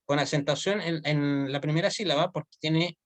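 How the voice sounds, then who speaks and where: A man's voice: a little high, moderate pace, no room sound. A man teaching an online Hebrew grammar class, explaining step by step and often checking that students follow.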